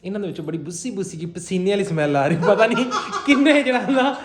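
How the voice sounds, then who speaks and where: Man, Punjabi accent, young adult, quick chatty vlog talk, echoey room with faint noise. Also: high-pitched, expressive. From Pakistan. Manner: chatty, teasing, laughs often. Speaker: vlogger. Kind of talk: casual family vlog chat.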